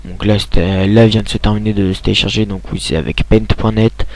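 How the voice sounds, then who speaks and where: Rambling man, low gravelly voice. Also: flat delivery, fairly quick. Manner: rambling, lots of hesitant "euh" and restarts. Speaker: YouTuber giving a screen tutorial. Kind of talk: casual screen-recorded tutorial. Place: at home at a computer.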